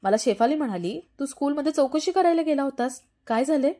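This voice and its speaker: Woman doing gentle older man, calm, reassuring, fairly high voice. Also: a little fast. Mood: soothing. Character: calm, soothing older man, old friend.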